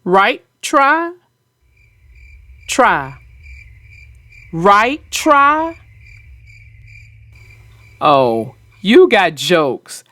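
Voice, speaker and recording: A woman hosts a children's story show, reading aloud and chatting about the story in a folksy, playful, teasing way. Her mid-range voice is sing-song, pushed, and bright, with drawn-out words and frequent pauses, and there is no room sound.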